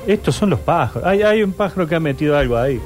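A man co-hosting a casual radio talk show, cutting in with quick remarks and banter. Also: a little high, animated, darkish tone, soft background music. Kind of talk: casual studio chat.

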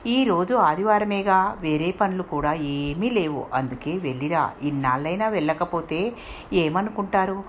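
A woman's voice: on the low side, measured pace, a little hiss or hum, lightly acted. A woman voicing an old grandmother who coaxes and pleads with her grandson. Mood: coaxing. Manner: pleading, coaxing.

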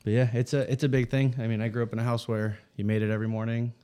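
A man's voice: medium pitch, flat delivery, rapid-fire, warm tone, clean tone. A middle-aged man from Miami, a podcast guest telling stories in a laid-back, casual way. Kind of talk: casual chat.

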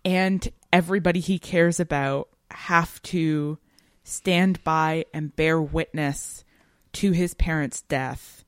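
In a very dry, clean recording, a woman co-hosting a discussion podcast speaks at a slow pace in a strikingly low, steady voice. Her style is casual but analytical, with weight placed on key words and thoughtful, academic-sounding reflections.

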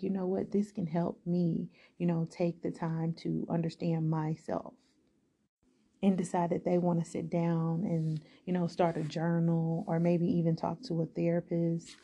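Gravelly, dark-voiced woman hosting a podcast. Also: on the low side, dull audio. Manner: candid and conversational, with frequent fillers. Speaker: podcast host. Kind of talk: reflective solo podcast monologue.

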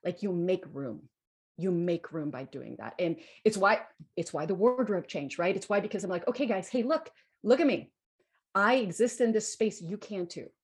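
Speaking at a normal pace in a mid-range, animated voice with a breathy edge, this interview guest reflects on personal matters. She is a woman from Guatemala in her forties who drives her points home emphatically by repeating phrases.

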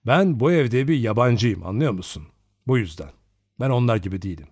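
A gentle, lonely lodger, as a man reads him aloud, speaks in a soft, tender voice. The delivery stays dry and close, with little room sound, and the pitch moves lively. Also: a little fast, slightly rough, no room sound. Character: gentle, kind, lonely middle-aged male lodger.

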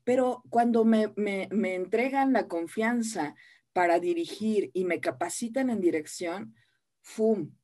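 An older woman, a dubbing director telling animated, self-deprecating stories in an interview. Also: medium pitch, a little slow. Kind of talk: reminiscing interview.

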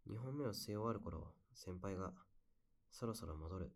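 A man playing a wistful young man who recounts memories in an intimate, soft-spoken bedside audio drama monologue. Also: low-pitched, expressive, moderate pace, vocal fry. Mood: wistful, tender.

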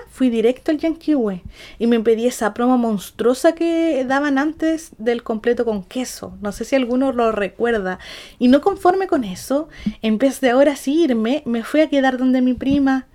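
A young Chilean woman with a Chilean accent, telling a story casually in an animated, slangy way. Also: high voice. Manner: animated and slangy, acts out quotes.

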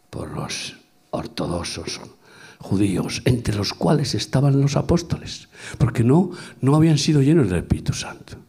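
A middle-aged man preaching a sermon in a gravelly, husky voice. His pitch leaps and falls with lively swings. He pushes some phrases out at full force and drops others to a near-whisper, repeating words to drive them home. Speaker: pastor. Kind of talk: sermon at a women's retreat. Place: church hall before a congregation.

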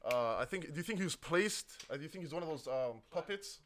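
A man's voice: a little high, expressive, quick pace, fairly bright tone. A man co-hosting a casual podcast, slangy and profane, repeating himself and checking that others agree. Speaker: podcast co-host. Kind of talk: casual chat.

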